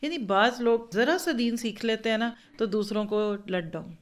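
In an earnest religious lecture to a class of women, a female religious teacher speaks at a normal speed in a fairly high voice. Her style is instructive: she repeats points so listeners can take notes and acts out different tones of voice as examples.

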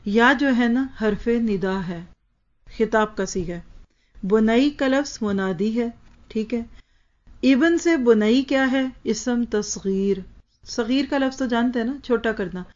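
A woman teaching a religious lesson, explaining word meanings in a measured way and slowing down on key terms. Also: a little high, darkish tone. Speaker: Quran teacher. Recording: slightly dull lo-fi recording.

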